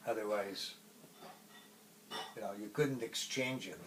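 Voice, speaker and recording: A middle-aged man from Poland with a Polish accent, a native Polish speaker, recalling his past in a casual interview in a halting way with many pauses. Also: lowish voice, recorded from a distance, noisy background. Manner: halting, pausing often mid-phrase.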